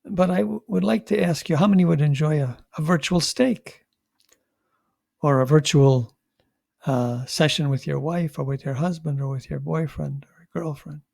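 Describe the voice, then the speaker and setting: An older man, a priest, giving a conversational homily with halting restarts and wry asides. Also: fairly high pitch, vocal fry, darkish tone, no echo. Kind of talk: homily reflection.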